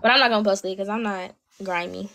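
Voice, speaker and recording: Young girl on a live stream, teasing and playful, mid-pitched, just chatting. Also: steady tone, pushed and bright. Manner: playful, teasing, quick to laugh. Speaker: TikTok live co-host. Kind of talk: casual chat.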